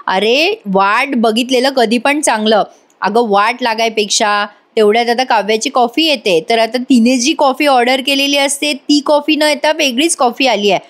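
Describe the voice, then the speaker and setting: A chatty woman narrates a casual voice-over review of a TV serial, speaking straight to her viewers. Her voice sits high, and she keeps an easy, conversational flow. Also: moderate pace. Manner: chatty, addresses viewers directly.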